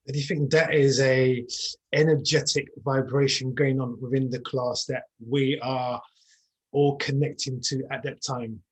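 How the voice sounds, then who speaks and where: Husky-voiced man musing as host. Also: medium pitch, fairly even intonation, a little slow, low-quality recording. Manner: reflective, musing aloud. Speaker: podcast host. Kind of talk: conversational interview.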